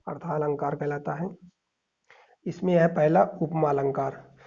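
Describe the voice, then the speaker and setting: A man's voice: fairly high pitch, darkish tone, highs cut off. A male teacher giving an exam-prep grammar lesson, explaining step by step and reciting verse examples.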